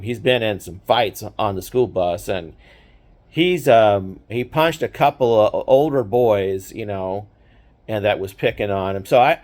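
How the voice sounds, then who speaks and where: Brief: older man, casual storyteller, rambling delivery, filler-heavy. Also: on the low side. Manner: rambling, lots of "you know" fillers.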